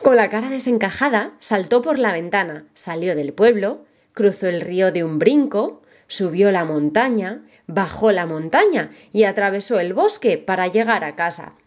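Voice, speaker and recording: Female storyteller for a children's tale, expressive with a lively, animated pitch. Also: normal speed.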